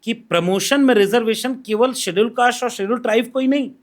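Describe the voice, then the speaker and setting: High-voiced man making measured points. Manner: measured, explanatory, makes numbered points. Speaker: podcast guest. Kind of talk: political discussion.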